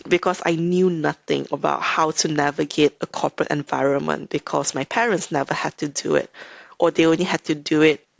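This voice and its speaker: A woman in her thirties from Malaysia with a Malaysian accent, speaking as a podcast guest in a measured, reflective way. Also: low voice, fairly even intonation, vocal fry, dry recording. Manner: thoughtful, measured, frequent hedging "I think". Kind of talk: reflective interview talk.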